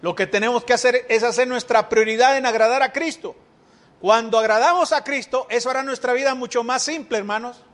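High-voiced man preaching a sermon. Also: fairly bright tone. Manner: rhetorical questions to the congregation; acts out quoted speakers.

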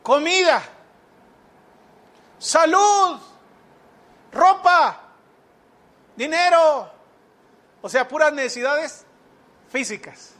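High-voiced preacher man. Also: animated, very slow, long pauses, a bit bright. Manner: rhetorical questions, mimics whiny believers. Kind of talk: sermon.

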